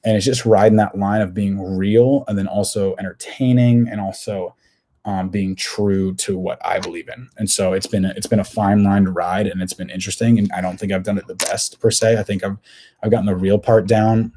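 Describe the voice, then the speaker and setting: A young man in his twenties hosts a solo podcast. His voice sits fairly low and warm, with a flat, even delivery. He rambles candidly and keeps second-guessing himself. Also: fairly quick, a little hiss or hum. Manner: candid, rambling, self-questioning. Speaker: podcast host. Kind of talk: casual solo podcast monologue.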